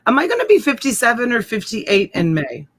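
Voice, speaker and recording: A woman's voice: fairly high pitch, wildly swooping pitch, a little fast. A woman in her fifties hosting a casual live stream, rambling and chatting with viewers as she reads their comments. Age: 50s. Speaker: live-stream reseller host. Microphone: USB desk mic.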